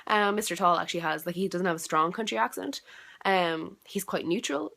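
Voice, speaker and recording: Her voice sits on the low side, brisk and bright with vocal fry and a forceful tone. She's a young Irish vlogger with a South Dublin accent and a congested cold, casually answering a video challenge from bed at home. Her talk wanders, full of "like" and "um," with the odd swear word.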